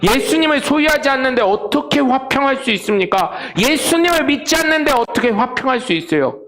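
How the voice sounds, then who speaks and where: A male pastor preaching a Sunday sermon in a church, colloquial and joking, swinging from loud acted quotes to low asides. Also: expressive, fairly quick. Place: church sanctuary.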